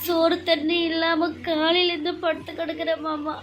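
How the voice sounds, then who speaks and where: A woman's voice: very high-pitched, flat delivery, moderate pace, fairly bright tone, faint music behind, low-quality recording. A woman voicing a pregnant young woman tied up in a cartoon serial, weak, pained and pleading for help.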